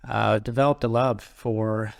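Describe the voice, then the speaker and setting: Middle-aged man, university president as interview guest, thoughtful and halting, lowish voice, dry room. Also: steady tone, gravelly, dry recording. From Colorado, USA. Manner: thoughtful, halting, frequent restarts. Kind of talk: casual interview conversation.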